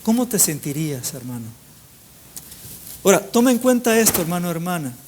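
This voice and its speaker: Man, pastor, sermon, high-pitched voice, rhythmic repetitive delivery, phrase ends falling quiet. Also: very animated, fairly quick, slight background noise.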